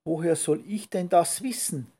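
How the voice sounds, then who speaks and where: A man voicing a cheeky, curious little skunk in a read-aloud story, in a higher voice. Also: a little slow, mellow, husky.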